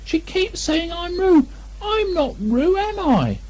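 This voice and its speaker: A small anxious piglet: shrill, squeaky, flustered storybook animal. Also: male voice, sing-song, slow, darkish tone, exaggerated voice, poor audio. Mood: indignant. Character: small timid anxious young male piglet. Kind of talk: storybook reading.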